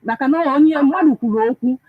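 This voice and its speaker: Nigerian Igbo panelist, husky, questioning, phone-line sound. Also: male voice, very high voice, fast, no room sound. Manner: questioning, quotes scripture. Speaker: radio show panelist. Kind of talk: casual radio talk mixing Igbo and English. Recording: tinny phone-line radio audio.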